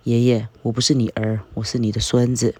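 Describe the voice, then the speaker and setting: A man's voice: medium pitch, little pitch movement, brisk, darkish tone, slightly rough, close to an everyday voice. A man reading a novel aloud, voicing a curious young village man who keeps asking questions.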